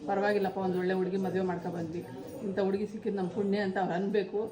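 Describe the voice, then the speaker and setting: A woman's voice: mid-range voice, little pitch movement, racing. A middle-aged woman, the bride's aunt, giving earnest, repetitive marriage advice in a lecturing tone. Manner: earnest, repeats herself, lecturing tone. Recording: echoey room with loud crowd. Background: wedding guests chatting.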